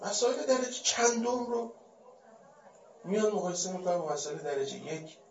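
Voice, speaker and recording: High-voiced man preaching in an echoey hall. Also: steady tone, a little hiss or hum. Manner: rhetorical questions, swinging between loud and hushed. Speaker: religious speaker. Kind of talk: religious lecture. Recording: distant, echoey, dull-sounding.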